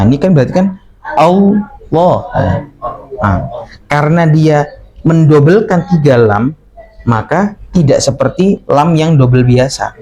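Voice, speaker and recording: A man's voice: medium pitch, a little mellow, slight background noise, rough recording. A man from Indonesia teaches a Quran recitation lesson, explaining patiently and repeating sounds to demonstrate them. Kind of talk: slow explanatory tajwid lesson.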